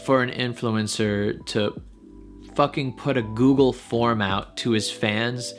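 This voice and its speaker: A man's voice: medium pitch, steady tone, slow pace, faint music behind. Candid male dating coach commentating. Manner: candid, analytical, occasionally swears. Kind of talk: video reaction commentary.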